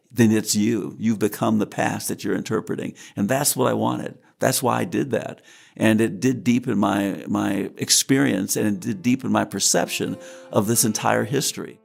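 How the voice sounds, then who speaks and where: Gravelly low-voiced man, reflective. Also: a little mellow. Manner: measured, thoughtful, builds ideas step by step. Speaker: historical reenactor being interviewed. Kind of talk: reflective interview answer.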